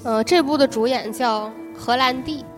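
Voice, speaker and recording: A woman co-hosting a casual film-review podcast, talking in a relaxed, agreeable way. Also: sits high, moderate pace, faint music behind. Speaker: podcast co-host. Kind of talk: casual chat reviewing films.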